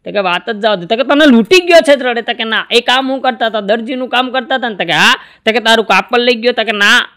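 A man's voice: fast talker, bright, forceful tone, clean tone. A man from Gujarat telling jokes on stage in a folksy storytelling way, acting out the dialogue in his stories. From Gujarat, India. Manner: folksy storytelling, acts out dialogue with shifting pitch. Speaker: stand-up comedian.

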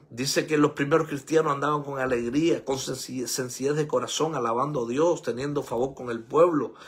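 Husky older male pastor preaching. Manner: exhorting, rising to high emphatic peaks. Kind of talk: sermon. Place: church sanctuary.

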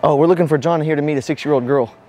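Talking very fast in a high, slightly mellow voice, a young American prankster pulls stunts in a big indoor supermarket while bantering in a slangy, profane way. The sound is lo-fi, with noisy store ambience picked up by the camera microphone.

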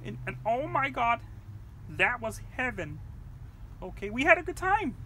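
Comedic vlog rant: a woman as a cursing, rambling puppet-world mother, shrill and sharp. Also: very animated, unhurried, slight background noise. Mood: chatty. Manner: profane, shouting, rambling. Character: foul-mouthed furious puppet-world mother.

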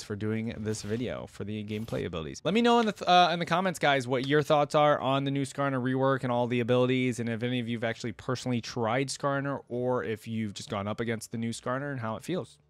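With no room sound, a young adult man speaks at medium pitch, casually reacting to gameplay and musing aloud. As a reaction video host, he uses a close desktop microphone with a headset, and clear background noise is present.

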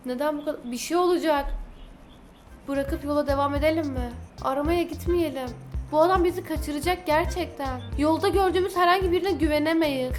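Young adult woman, gaming YouTuber, high bright voice, jumpy reactions, soft music underneath. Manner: excitable, reads game choices aloud, talks to viewers. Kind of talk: casual gameplay commentary.

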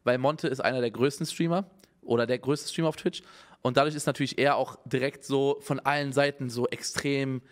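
A man's voice: medium pitch, fairly even intonation, a little fast. A young man streaming live, reacting to news in a casual, hesitant way with many restarts and a concerned tone.

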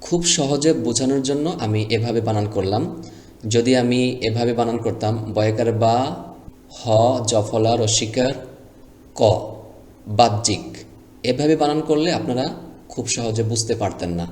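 A man's voice: mid-range voice, moderate pace, pauses often, darkish tone. A man teaching reading step by step, patiently spelling out and repeating sounds. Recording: echoey room with faint noise.

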